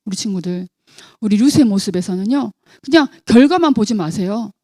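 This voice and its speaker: A woman preaching a children's sermon as a children's pastor, telling a Bible story in an animated way and asking the children questions. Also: medium pitch, normal speed, no room sound, studio quality.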